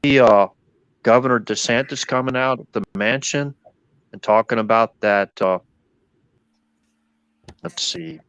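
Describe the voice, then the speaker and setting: A man's voice: mid-range voice, a little slow, long pauses, fairly bright tone, clean tone, no echo. A man chatting casually on a livestream in a folksy, colloquial way. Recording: dull lo-fi dry sound.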